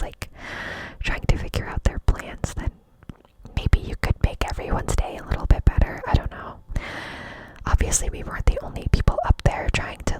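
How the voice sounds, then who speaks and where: A fully whispered voice, cupped by the hands close to the microphone. The speaker tells a personal story in a chatty, rambling ASMR style, breathy and unvoiced throughout. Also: rough recording. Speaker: ASMR video creator.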